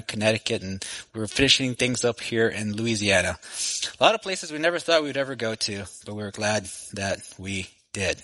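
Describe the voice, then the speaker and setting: Man, forties, preaching, bright and tense voice, conversational sermon, frequent restarts. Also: mid-range voice, poor audio. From Texas. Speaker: guest preacher. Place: church sanctuary. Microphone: microphone.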